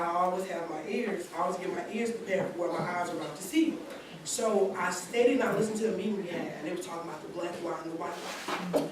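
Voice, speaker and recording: A college student in her twenties with a mid-range voice gives an earnest personal testimony at a community seminar, her long sentences full of restarts. She sounds far from the microphone, and her voice rings through a very echoey church hall with clear background noise.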